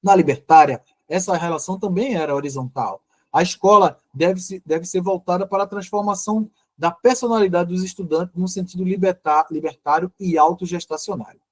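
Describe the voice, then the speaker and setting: A male teacher giving a live online lecture, explaining step by step with frequent restarts and pauses. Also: high-pitched, no echo.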